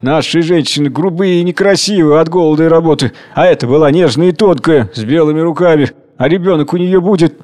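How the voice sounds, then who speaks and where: A hulking young convict answers the court sullenly and defiantly, voiced by a man reading the play aloud. The voice runs a little high for a man. It is from a read-aloud stage play. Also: brisk, hardly any pauses, darkish tone, natural voice.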